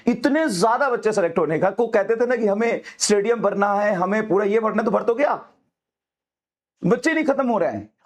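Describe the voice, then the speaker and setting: High-pitched man, teacher, fiery motivational talk to students, hammers the same lines again and again. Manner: fiery, repetitive exhortations.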